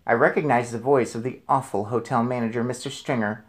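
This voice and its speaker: In a brisk, steady mid-range voice, a man hosts a children's read-aloud, mixing storybook reading with casual commentary. He's chatty and enthusiastic, asking the kids listening questions.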